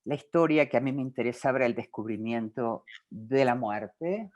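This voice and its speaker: With a very deep, darkish voice at a moderate pace, a woman from Uruguay reflects on interview questions as a film director. Her Rioplatense Spanish accent comes through, and she often uses fillers and starts over.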